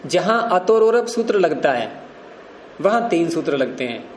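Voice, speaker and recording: Male grammar teacher, fairly high voice, quizzing students, roomy echo. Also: big pitch swings, unhurried, slight background noise. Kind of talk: classroom teaching.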